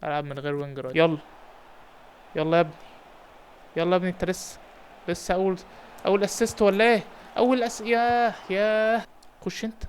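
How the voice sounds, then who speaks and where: A young man with an Egyptian Arabic accent, giving lively, animated commentary while playing a football manager game and shouting encouragement at his players. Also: high-pitched, fast talker, pauses often, slight background noise. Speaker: gaming YouTuber.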